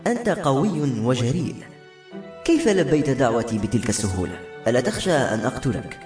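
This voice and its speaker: A man's voice: medium pitch, big pitch swings, a little fast, lightly acted. A man voicing a seductive scheming princess. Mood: bold. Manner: coaxing, flirtatious. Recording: roomy echo with soft music.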